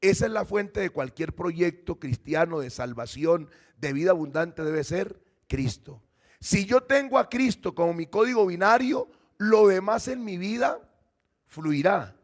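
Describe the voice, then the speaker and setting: A man's voice: sits high, expressive, measured pace. A man pastor preaching a sermon, teaching and putting questions to his congregation.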